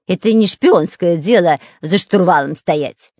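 A reader voicing a touchy, boastful long-nosed male spy in a storybook reading, with a whiny, excitable manner. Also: mid-range voice, moderate pace, no room sound, studio quality, pitched above the performer's own voice. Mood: squabbling.

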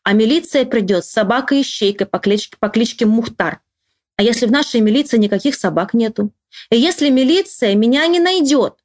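A woman reading a children's story aloud to a child with lively, expressive storytelling, then asking the child about it. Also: a little high, brisk, no echo, clean studio sound. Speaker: reader and teacher.

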